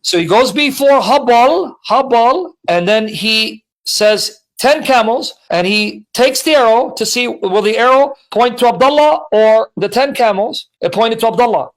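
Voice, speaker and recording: Guy hosting a call-in debate, really high voice, keeps firing questions at the caller. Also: rough recording. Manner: insistent, presses with rhetorical questions. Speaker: host.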